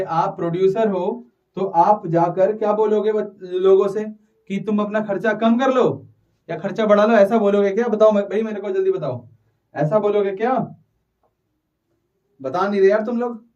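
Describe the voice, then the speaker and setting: High-voiced man urging a live class. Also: a little mellow, distant mic, muffled recording. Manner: urges students to answer quickly, mixing Hindi and English terms. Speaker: economics teacher. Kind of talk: live online class lecture.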